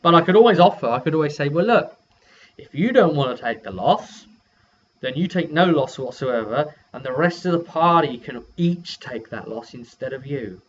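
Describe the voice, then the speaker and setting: A game master casually recaps a role-playing session, rambling and thinking aloud. His voice is a little high with lively intonation at a normal speed. The sound is dull and lo-fi, with background noise.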